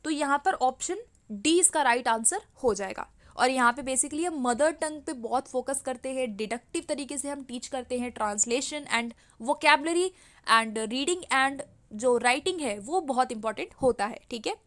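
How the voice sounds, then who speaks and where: A young woman teacher with an Indian accent goes through exam-prep questions one by one. Her voice sits high and sounds bright. She reads each question out slowly, then explains it in quick, easy talk. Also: lively intonation. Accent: Indian English.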